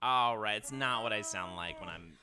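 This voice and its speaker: A man's voice: on the low side, moderate pace, noisy background. A man hosting a live stream, chatting casually in a joking, rambling, self-mocking way. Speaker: livestream show host. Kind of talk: casual chat. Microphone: computer mic on a live stream.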